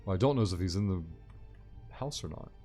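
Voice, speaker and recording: A man's voice: low-pitched, lively intonation, fast, mellow, faint music behind. A man hosting a gameplay video with casual, thinking-aloud commentary. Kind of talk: casual game commentary, reading along.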